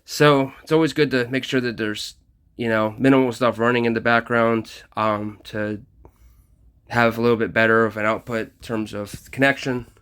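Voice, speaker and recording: A man's voice: medium pitch, steady tone, normal speed, fairly bright tone, clean tone. A man casually talking through a mobile game session, slightly out of breath and full of ums and uhs. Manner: rambling with many ums and uhs. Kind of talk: casual gameplay commentary.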